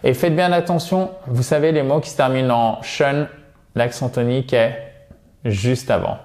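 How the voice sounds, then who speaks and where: A French-speaking man giving a video English lesson, repeating words slowly and checking with "ok?" often. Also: mid-range voice, a little mellow. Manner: repeats words slowly to drill them, frequent "ok?". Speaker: English teacher. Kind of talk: video lesson, explaining and modelling pronunciation.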